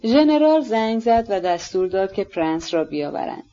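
Mellow-voiced woman narrating a novel. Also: mid-range voice, very animated, dull audio. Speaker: audiobook narrator.

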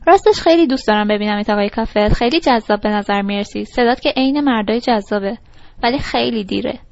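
A woman voicing a sharp-tongued young woman woken by a late phone call, curt and then coy, in an audiobook reading. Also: fairly high pitch, dry recording, lightly acted. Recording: dull lo-fi recording.

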